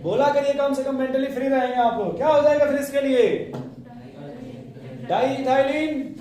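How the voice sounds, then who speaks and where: A man's voice: extremely high pitch, fairly even intonation, quick pace, dark tone. A man teaching chemistry in a classroom, coaxing answers from his students with questions and light teasing. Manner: coaxing, asks students questions, jokes with them. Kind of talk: classroom lecture. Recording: echoey classroom, mic from a distance.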